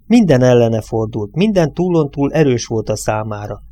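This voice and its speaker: A man reading novel narration in a measured way, sometimes dropping to a hush. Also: mid-range voice, expressive. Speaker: audiobook reader.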